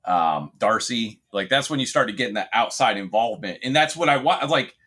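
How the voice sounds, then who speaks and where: A man chatting on a podcast with a bright, husky voice. He rambles through his points, restarting sentences and swearing freely. It's loose, unscripted talk among friends. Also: on the low side, animated, normal speed. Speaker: podcast co-host. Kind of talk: casual chat.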